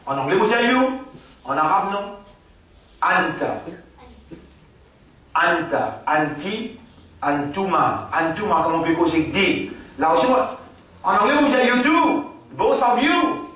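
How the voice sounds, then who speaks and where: A man with a Mauritian accent giving a religious lesson, repeating words slowly and mixing French with Arabic recitation. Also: high-pitched, very animated, fairly bright tone. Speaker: Islamic teacher. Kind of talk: religious lesson after dawn prayer. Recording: very echoey room, from a distance.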